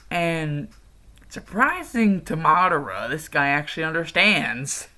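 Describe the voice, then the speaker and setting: Slow gravelly male storyteller. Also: fairly high pitch, lively intonation, bright, forceful tone. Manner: loose, slangy, swears casually. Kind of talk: casual fan-fiction storytelling.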